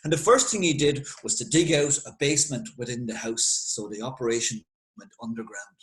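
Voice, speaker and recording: A man with an Irish accent telling a folk tale in a lively, conversational way with dramatic pauses. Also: mid-range voice, rough recording. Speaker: storyteller. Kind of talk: spoken folk tale narration.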